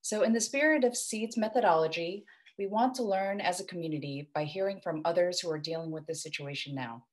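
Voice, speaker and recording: Measured woman hosting a video call. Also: lowish voice. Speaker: interview host. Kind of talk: scripted introduction then questions. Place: indoor home room.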